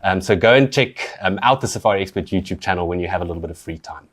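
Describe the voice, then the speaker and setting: A South African man hosting a podcast, chatting in a relaxed, conversational way with frequent fillers. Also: sits low, rapid-fire. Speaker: podcast host. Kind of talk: casual podcast chat.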